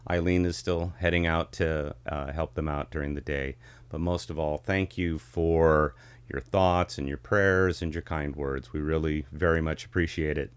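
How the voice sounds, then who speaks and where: A middle-aged man chatting casually as a vlog host, with the warm, rich sound of a vintage ribbon mic in a home studio. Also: rumbling low, fairly even intonation, normal speed, smooth, dry recording. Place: small home studio with curtain backdrop. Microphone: studio ribbon microphone close in front.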